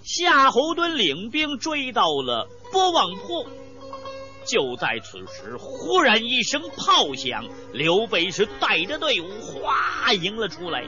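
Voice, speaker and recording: A woman telling an old war tale in a traditional storyteller's manner, dramatic and emphatic. Her delivery is slow and swoops widely in pitch, with a bright tone. Faint music plays behind a slightly dull recording. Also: huge pitch swings. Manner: dramatic, emphatic, with sound words.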